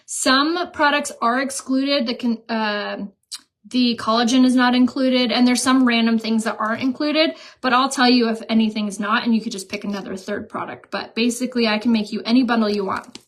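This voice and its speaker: Young woman chatting on a makeup live, kinda higher voice, giggly and salesy. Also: fairly even intonation, moderate pace. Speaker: makeup seller hosting a live stream. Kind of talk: casual live-stream sales chat.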